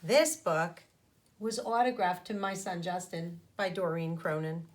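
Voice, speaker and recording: With a lowish voice and slight background noise around her, a woman teacher reads a children's storybook to young listeners. Her style is didactic, often pausing to explain and put questions to them.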